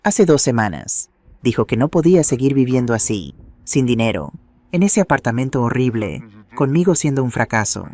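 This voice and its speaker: A man's voice: medium pitch, big pitch swings, normal speed, darkish tone. A man doing an earnest grown son. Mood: remorseful.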